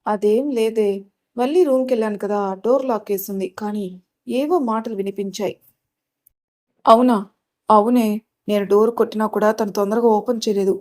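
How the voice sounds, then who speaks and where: A woman's voice: medium pitch, fairly even intonation, moderate pace, long pauses, darkish tone, lightly acted. Woman doing a doubtful, motherly aunt. Audio story. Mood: suspicious. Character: older aunt, suspicious, motherly.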